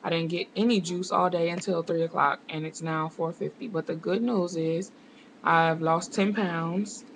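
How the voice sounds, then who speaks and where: A woman's voice: fairly low pitch, steady tone, normal speed, creaky, a little hiss or hum, poor audio. A young woman vlogging from home, chatting casually to camera with rambling, sarcastic asides. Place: home indoors.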